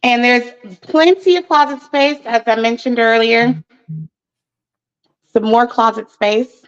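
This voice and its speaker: A woman's voice: a little high, steady tone, takes it slowly, smooth, dull audio. A woman real estate agent giving a walking tour of a house, chatty and a little nervous, slightly out of breath. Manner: chatty, nervous, laughs often.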